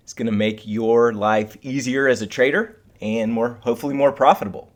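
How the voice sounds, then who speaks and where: A man's voice: mid-range voice, brisk. A man hosting a live instructional webcast in a casual style, addressing his viewers directly. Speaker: host of a live trading webcast.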